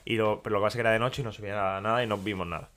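A man's voice: lowish voice, fairly even intonation, a bit bright. A man telling a long anecdote in casual chat on a podcast, acting out the dialogue as he goes. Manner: rapid storytelling with quoted dialogue. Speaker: podcast co-host.

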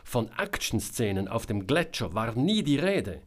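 A man's voice: mid-range voice, sing-song, a little slow. A man voicing an annoyed, level-headed young woman reporter who speaks matter-of-factly.

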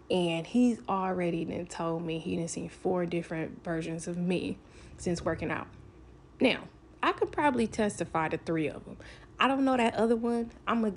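A woman's voice: on the low side, gravelly, a little mellow, a little hiss or hum. Frank, candid woman telling a story. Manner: casual, frank, swears freely, fills with "like". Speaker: vlogger telling a personal story.

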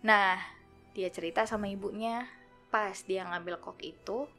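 A woman's voice: medium pitch, a little slow, faint music behind. Young woman telling a ghost story. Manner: animated, acts out quoted voices. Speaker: guest storyteller.

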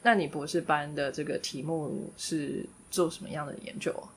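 A woman hosting a casual conversation, speaking in a relaxed, reflective way. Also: low voice, normal speed, slight background noise. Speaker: host.

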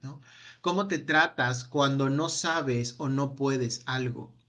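A man leading a self-help workshop, asking a long run of gentle reflective questions that trail off with a quiet "no?". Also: medium pitch, slow pace. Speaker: workshop speaker.

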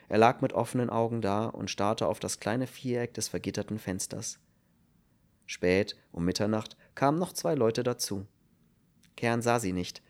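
A male audiobook narrator with a fairly low voice. He reads at an even, steady pace in scripted narration.

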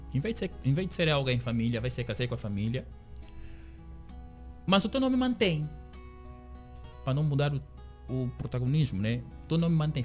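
A man being interviewed on the radio as a series creator, telling his story with lively acted-out quotes of other people. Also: medium pitch. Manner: animated storyteller, acts out quoted dialogue. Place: radio studio.

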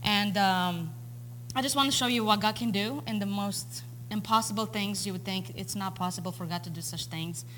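A woman's voice: medium pitch, moderate pace, a bit bright, a little hiss or hum. A young woman from Romania with a Romanian accent, giving a personal testimony as a guest speaker, earnest and storytelling with frequent ums.

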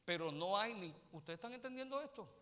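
Animated high-pitched preacher. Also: male voice, a little fast, big-room sound. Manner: animated preaching, often calls listeners "brother" and checks they follow. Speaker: pastor. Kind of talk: sermon. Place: church sanctuary.

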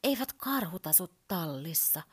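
A woman voicing a male toy bear who patiently explains things, his voice climbing higher. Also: sing-song, husky. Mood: explaining. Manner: explains, growing exasperated and shrill.

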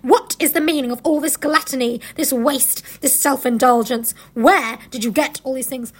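A woman's voice: high-pitched, fairly even intonation, moderate pace, breathy edge. A woman voicing a cruel, commanding witch queen in a dramatised storybook reading, scornful and imperious. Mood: imperious fury.

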